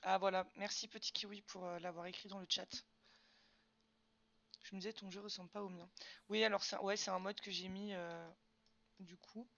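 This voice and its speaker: Young woman streamer, bright chatty voice, chats with viewers between game moves, a bit dull and lo-fi. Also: mid-range voice, steady tone, normal speed, creaky, pauses often. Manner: chatty, answers chat questions, frequent fillers and "hop". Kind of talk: casual live-stream chat while gaming.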